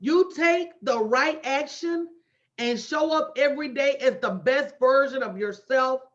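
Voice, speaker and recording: Over dull, lo-fi livestream sound, a high-voiced businesswoman in her late forties coaches a live online audience a bit slowly. Her motivational style is folksy and direct, built on preacher-like, emphatic repetition.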